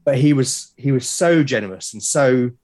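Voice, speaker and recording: A mid-range, slightly mellow male voice at normal speed belongs to a British podcast guest in a relaxed conversational interview. Enthusiastic though hesitant, he often repeats words.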